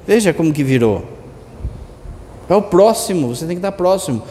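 A priest giving a colloquial, lively Sunday homily, now and then mimicking his parishioners. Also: on the high side, fairly quick, in a large hall. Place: church.

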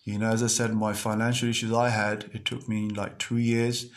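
A man with a somewhat low voice hosts his own podcast and talks straight to his listeners. He speaks earnestly and repeats himself, and his sentences are full of ums and restarts as he urges them on. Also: level tone, moderate pace. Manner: earnest, repetitive, many fillers and restarts. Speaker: podcast host. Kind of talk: motivational monologue.

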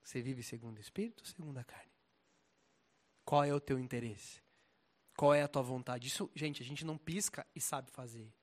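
A young Brazilian man preaching a casual, slangy sermon, animated and swinging between loud and soft. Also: mid-range voice, normal speed.

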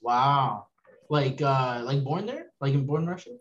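A man hosting a casual podcast, talking in a halting way with many fillers and restarts. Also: medium pitch, lively intonation, lo-fi sound. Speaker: podcast host.

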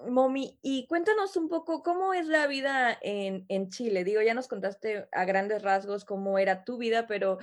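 A woman's voice: a little high, moderate pace, hardly any pauses. Mexican woman, welcoming radio host. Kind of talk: radio interview.

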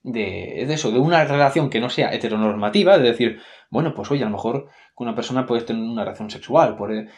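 A man with a Spain Spanish accent gives casual, opinionated film commentary, sarcastic and expressive, swearing freely and swinging his pitch up and down. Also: fast. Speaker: film reviewer.

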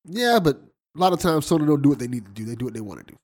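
A man's voice: on the high side, sing-song, rapid-fire, a little mellow. A man co-hosting a casual podcast chat, laid-back and opinionated. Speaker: podcast co-host.

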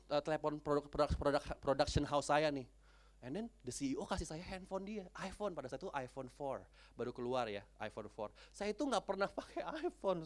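A man preaching a sermon in a church. He tells casual stories, switches between languages, swings his pitch widely and bursts out loudly. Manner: animated, code-switching, with big pitch swings and loud outbursts.

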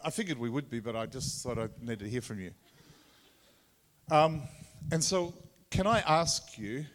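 Tasmanian man preaching in an echoey hall. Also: medium pitch. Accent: Tasmanian Australian. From Tasmania, Australia. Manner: halting, conversational, repeats words. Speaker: visiting preacher. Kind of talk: informal sermon to a congregation. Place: large room or hall, speaking to a congregation. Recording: echoey hall with long reverb.

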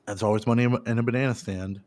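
Casual male podcast co-host, thirties, profane and easygoing, gets loud on the funny bits. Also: on the low side, rapid-fire. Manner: laid-back, swears freely, gets loud and animated retelling funny scenes. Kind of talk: casual chat.

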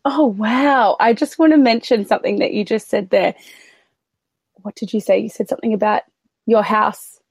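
A woman's voice: medium pitch, fairly even intonation, normal speed, breathy edge, no echo. A woman hosting a podcast interview, talking in an effusive, enthusiastic way. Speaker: podcast host. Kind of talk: conversational interview.

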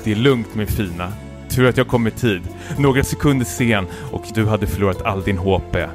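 A man voicing a calm, protective male gamer hero who talks in an easygoing, reassuring way. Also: on the low side, over music, close to an everyday voice.

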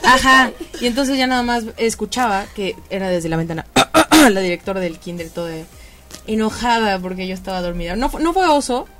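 A woman's voice: medium pitch, lively intonation, fairly quick, a bit bright. A woman with a Mexican accent chatting casually in a playful, self-mocking way into a handheld microphone. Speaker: teacher. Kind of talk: casual chat.

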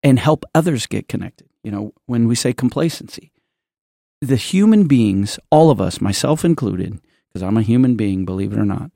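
A man with a gravelly voice co-hosting a casual church podcast. He speaks emphatically, like a preacher, stacking up points. The sound is dry and close to the mic. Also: mid-range voice, animated, normal speed, mellow, no echo. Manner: preacherly, emphatic, builds lists. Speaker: podcast co-host.

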